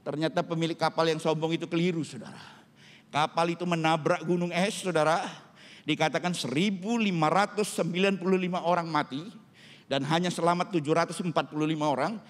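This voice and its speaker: A man in his fifties preaching a sermon, telling a story in an animated way with vivid sound words and a dropped voice on his tag words. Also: a little high, brisk. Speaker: pastor. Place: church. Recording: reverberant church hall.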